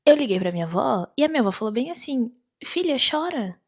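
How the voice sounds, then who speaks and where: A young woman from Brazil, chatting to camera in a giggly, expressive, storytelling way. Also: a little high, rapid-fire. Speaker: vlogger. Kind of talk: casual chat to camera. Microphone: camera mic at a distance.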